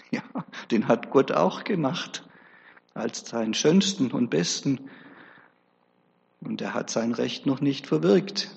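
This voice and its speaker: A man preaching a sermon, telling the story in a lively, chatty way with conversational asides. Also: mid-range voice, gravelly, slightly rough, in a large hall, lo-fi sound.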